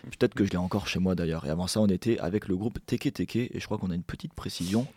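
A man's voice: low voice, fast, warm tone, husky. A man co-hosting a music show, chatting casually and teasing his co-host. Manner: joking, teasing.

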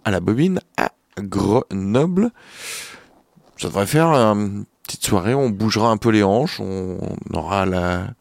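A man with a low voice hosts a radio show, talking casually into a studio microphone. He hesitates often, filling gaps and restarting his sentences. The recording is dry and close. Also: darkish tone, no room sound. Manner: hesitant, many fillers and restarts. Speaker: radio host.

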